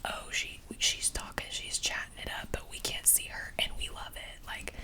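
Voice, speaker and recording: A woman's voice: moderate pace, bright, forceful tone. Whispering young woman, chatty vlog. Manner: whispering throughout, chatty and rambling with many fillers. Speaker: vlogger. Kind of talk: whispered casual vlog chat.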